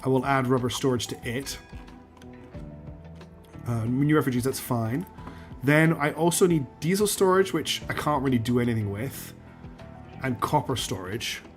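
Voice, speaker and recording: This man's voice is fading as he streams a factory-building game, clearing his throat now and then. Speaking at a moderate pace with long pauses and a medium pitch, he narrates his building steps, counts aloud, quizzes himself, and responds to chat while faint music plays.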